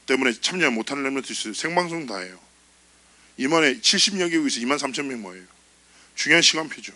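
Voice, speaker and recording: A man preaching a youth sermon at church, animated and joking as he acts out funny stories. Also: on the high side, no echo. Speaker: youth pastor.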